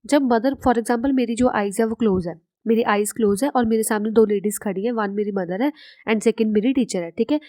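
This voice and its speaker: A woman's voice: on the high side, dark tone, no echo. Woman teaching a science lesson. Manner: explains slowly, asks and answers her own questions; mixes English terms into Hindi. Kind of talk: classroom lecture.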